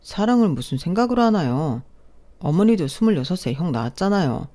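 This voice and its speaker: Defensive twenty-something son pleading his case, read by a woman narrator; mellow, darker voice; storybook drama. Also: on the low side, sing-song, fairly quick.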